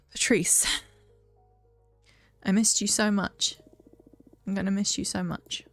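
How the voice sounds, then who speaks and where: A woman voicing a young fortune-teller witch in a video game, reading the dialogue softly and earnestly. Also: medium pitch, flat delivery, takes it slowly, soft background music. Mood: tender.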